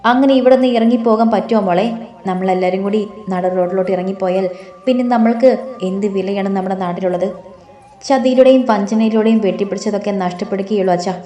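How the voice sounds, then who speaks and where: A woman's voice: mid-range voice, quick pace, mellow, natural voice. A woman voicing a distressed young bride who pleads tearfully in a storybook reading, in a roomy space. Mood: pleading.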